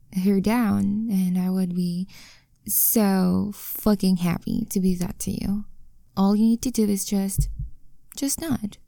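A young woman whispering an intimate, coaxing audio roleplay in a soft, commanding way. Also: medium pitch, creaky, no room sound.

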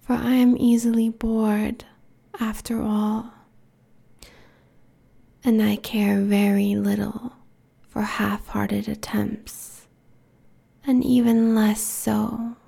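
A woman's voice: on the high side, full character voice. A woman whispering as a cruel immortal queen. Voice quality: breathy whisper with gravelly fry. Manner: slow, hushed, menacing and commanding. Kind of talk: whispered audio roleplay.

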